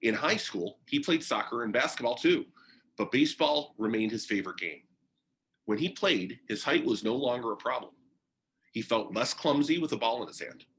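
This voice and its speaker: This man's voice sits in the mid-range, with a fairly bright tone and lively intonation. He reads a children's biography aloud in careful, short phrases separated by pauses, much as a teacher would present a picture book.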